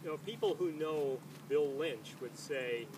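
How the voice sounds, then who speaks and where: 60-something man talking outdoors, distant mic. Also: fairly high pitch. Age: 60s. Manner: earnest, measured, with frequent "uh" pauses. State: talking while walking backward. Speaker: founder of a peace walking movement. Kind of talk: monologue while walking outdoors. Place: outdoor running track by traffic. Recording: distant outdoor mic with loud traffic noise.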